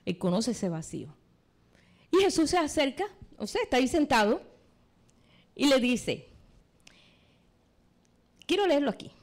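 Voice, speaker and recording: Woman preacher doing a sermon, lively storytelling voice, kinda high, asks the congregation stuff. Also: unhurried, long pauses. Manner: animated storytelling, addresses the congregation.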